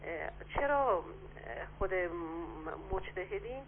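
Female caller, halting and hesitant; lower voice through a thin phone line. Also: expressive. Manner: hesitant, many fillers. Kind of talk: phone call-in question. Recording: tinny phone line with faint noise.

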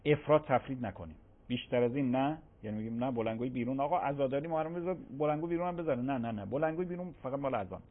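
A man, a cleric, answering religious questions on a radio call-in show, emphatic and given to repeating himself. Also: mid-range voice. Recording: phone-like radio broadcast.

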